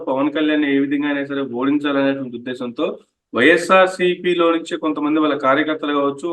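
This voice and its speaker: A man acts as interviewer, throwing pointed counter-claims at his guest. He speaks quickly in a slightly raised voice. He sounds somewhat distant from the microphone. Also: a little high, fairly bright tone. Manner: brief prompts and pointed challenges. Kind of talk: political interview questioning. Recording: voice heard from off-mic.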